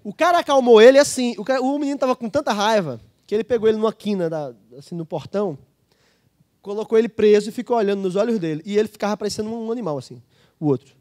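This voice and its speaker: Male Brazilian pastor, conversational sermon delivery, high-pitched and warm. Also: fast talker. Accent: Brazilian Portuguese. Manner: storytelling, conversational with quoted dialogue.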